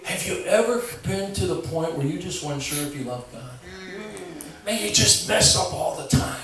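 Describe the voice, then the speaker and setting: A man preaching a sermon with humor, shifting from quiet musing to raised, emphatic delivery. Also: high voice, animated, normal speed, crowd noise. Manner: humorous, swings from quiet to loud. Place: church. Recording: echoey church from far off. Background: congregation responding.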